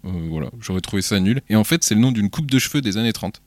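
A man's voice: fairly low pitch, fast, dry recording. Chatty man on a music radio show. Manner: chatty, anecdotal, self-correcting. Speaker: radio co-host presenting music. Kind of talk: casual radio chat.

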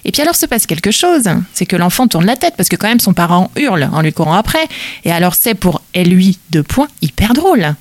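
A woman's voice: on the low side, very animated, fairly quick, dry recording. A woman delivering a humorous, theatrical monologue as a radio columnist, full of wordplay and playful asides.

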